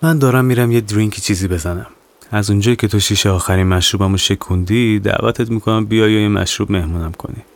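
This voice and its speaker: A man's voice: lowish voice, vocal fry. A man voicing a lonely, cynical young woman in an audio horror story, with a dry, teasing, matter-of-fact manner.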